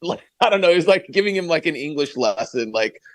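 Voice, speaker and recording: A man's voice: a little high, quick pace, dry recording. A man co-hosting a casual online talk show, telling joking stories and filling them with "like". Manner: joking, animated storytelling full of "like". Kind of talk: casual banter on a call.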